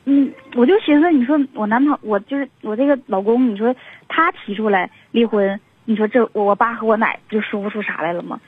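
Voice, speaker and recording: Upset Northeastern Mandarin woman caller, 20s, husky, fast, rambling, on the phone. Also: fairly high pitch, dry recording. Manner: rambling, many fillers, upset. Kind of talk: phone-in confession. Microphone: telephone. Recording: tinny dry phone line.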